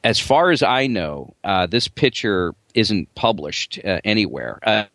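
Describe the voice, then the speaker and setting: A man with a New Jersey accent talks through a journal issue in casual podcast chat. His voice sits low, and he stumbles along with frequent fillers and restarts. The sound is very dry and close. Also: very animated, a bit bright, dry recording. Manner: halting, many fillers and restarts.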